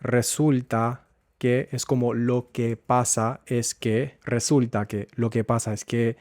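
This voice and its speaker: A man's voice: medium pitch, flat delivery, darkish tone, no echo. Patient man teaching Spanish, dry sound. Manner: slow, repeats words for learners. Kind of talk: language lesson.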